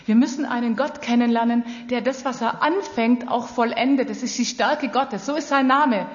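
Woman, sermon, earnest direct address, fairly high voice, dull muffled sound, long hall reverb. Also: moderate pace. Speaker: preacher.

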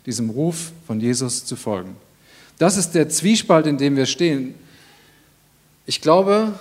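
A man delivering a sermon in a slightly raised voice. He speaks earnestly and with emphasis. He lets phrases land with deliberate pauses and builds on repetition. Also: fairly high pitch, darkish tone. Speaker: preacher.

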